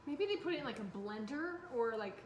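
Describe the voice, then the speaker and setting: Woman, co-host, playful, animated pitch, roomy kitchen echo. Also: a little fast, highs cut off, over a noisy crowd. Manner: playful, upbeat, reassuring. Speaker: cooking show co-host. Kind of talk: casual cooking chat.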